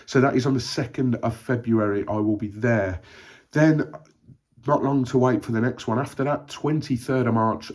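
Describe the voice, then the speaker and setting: A man's voice: fairly low pitch, a little mellow. A young man from Birmingham with a Birmingham accent, chatting to camera in a casual, encouraging running vlog, with frequent ums and uhs. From Birmingham, England. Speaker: running vlogger.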